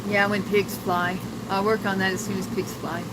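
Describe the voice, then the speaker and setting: An older woman hosting a livestream tells family stories to her viewers in casual chat, rambling, laughing often and using many fillers. Her mid-range voice is flat in delivery at a moderate pace, with heavy background noise.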